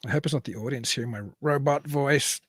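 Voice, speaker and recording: A man's voice: mid-range voice, fast, fairly bright tone, breathy edge, no room sound, studio quality. A man hosting an online talk show over a video call, introducing a guest in a rambling, self-correcting way. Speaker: podcast host. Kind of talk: casual online show chat.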